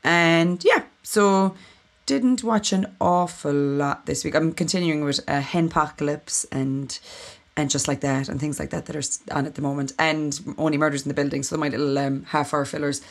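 A woman hosting a casual podcast, friendly, moving briskly between segments. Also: low voice. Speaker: podcast host.

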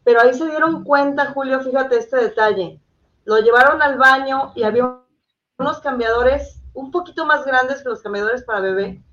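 A mother who is a caregiver, speaking with a Mexican accent, tells an earnest, detailed personal story as an interview guest and checks that she's understood. Her voice is high-pitched and fairly bright at a normal speed, with the highs cut off.

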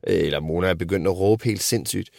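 A man's voice: sits low, creaky, a little mellow, no room sound, clean studio sound. A man and father in casual chat, telling rambling anecdotes and swearing freely. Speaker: podcast co-host and father.

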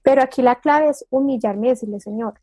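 A woman co-hosting a faith talk show, her voice mellow and a little high. She speaks earnestly and circles back over her words as she teaches. The sound is dry and close, as in a studio. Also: quick pace, dry recording. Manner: earnest, repeats phrases while preaching and recounting testimonies.

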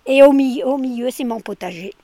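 Her voice sits high and warm as this older woman from France talks briskly outdoors near her garden. Caught for a street interview, the villager is talkative and forceful, repeating words often in a casual roadside chat with no echo.

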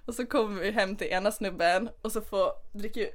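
A young woman co-hosting a casual podcast, telling an animated story and often laughing as she talks. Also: medium pitch. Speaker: podcast co-host.

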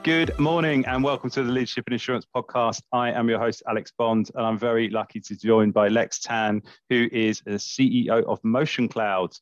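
A man's voice: medium pitch, fairly even intonation, fairly quick, hardly any pauses, no room sound, dull audio, soft background music. A man hosting a podcast interview, chatty and self-deprecating. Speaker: podcast host.

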